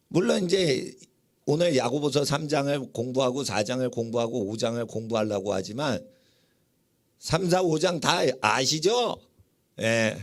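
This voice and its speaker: A male pastor preaching in a church with a fairly high voice. He is emphatic and keeps throwing questions at the congregation, then answers them himself. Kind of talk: sermon. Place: church sanctuary.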